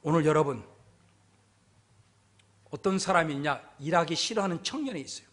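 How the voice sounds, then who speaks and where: A man preaching to his congregation with a high, bright voice that swings widely in pitch. He drives each point home and keeps asking rhetorical questions of his listeners. The delivery is emphatic and full of repetition. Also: lively intonation, moderate pace. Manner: emphatic, repeats "everyone" and asks rhetorical questions. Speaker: pastor. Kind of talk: sermon. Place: church sanctuary.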